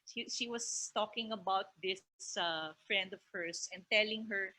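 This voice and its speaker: A woman's voice: medium pitch, measured pace, sharp tone, rough recording. A woman from the Philippines, giving a hesitant panel talk full of fillers and "no?" tags. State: emotional, voice rising near the close. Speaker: theater company speaker. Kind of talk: panel presentation.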